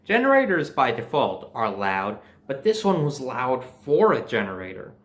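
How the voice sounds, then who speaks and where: Speaking at a moderate pace in a medium-pitched voice, a young man tells personal stories casually and animatedly. He swears freely and acts out snatches of dialogue.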